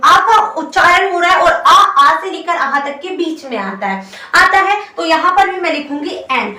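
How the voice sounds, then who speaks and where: A woman's voice: very high-pitched, pushed and bright. A woman teaching a grammar lesson to her students. She explains patiently, asks her own questions and answers them, and says "theek hai" after each point. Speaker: English teacher. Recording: roomy echo from a distant mic.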